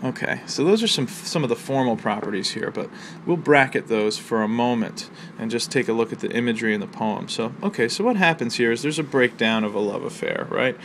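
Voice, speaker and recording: A man teaching a college literature lesson, explaining a poem's rhythm and imagery in a measured way with fillers and pauses. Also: medium pitch, animated, a bit bright, a little hiss or hum. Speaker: college instructor. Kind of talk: recorded literature lecture. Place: outdoors near a library.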